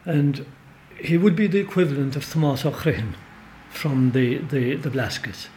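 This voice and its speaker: A man's voice: fairly high pitch, a little slow, a little mellow, slight background noise. Older Kerry storyteller man. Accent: Irish, Kerry. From Ireland. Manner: rambling, anecdotal, emphatic. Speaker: storyteller and folklorist guest. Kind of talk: relaxed conversational storytelling. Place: back of a pub.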